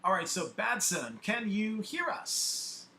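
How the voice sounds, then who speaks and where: A man's voice: sits high, very animated, takes it slowly, creaky, sharp tone. A man hosting a live online music competition over a video call, introducing judges and artists with an upbeat announcer delivery. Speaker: host.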